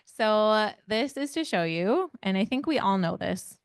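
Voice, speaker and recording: A woman's voice: medium pitch, animated, a little slow, clean tone, no room sound, clean studio sound. Woman giving an interactive parenting workshop. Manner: engaging, asks the audience many questions; leads the group through hands-on exercises. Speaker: parent educator.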